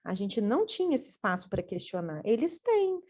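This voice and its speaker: A woman who is a parenting educator and mother, telling stories from home in an earnest, animated way. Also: mid-range voice, moderate pace. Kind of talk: casual conversation.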